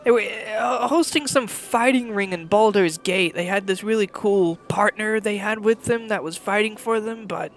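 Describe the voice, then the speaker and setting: A woman voicing a scheming male shapeshifter who rambles and stalls with fillers, speaking in a higher voice than her own. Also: close to an everyday voice. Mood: hesitant. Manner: rambling, halting, full of fillers.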